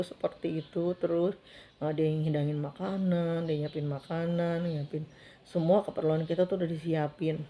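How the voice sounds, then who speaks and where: A woman's voice: deep voice, warm tone, slight background noise. A woman telling a heartfelt story from her own life in a casual, chatty way, acting out what others said. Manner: chatty and heartfelt, acts out quoted speech.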